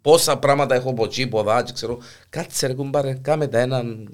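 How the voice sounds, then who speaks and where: Greek Cypriot man hosting, medium-pitched voice. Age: middle-aged or older. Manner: interjecting, repeats words in colloquial dialect. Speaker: podcast host. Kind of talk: casual conversational interview.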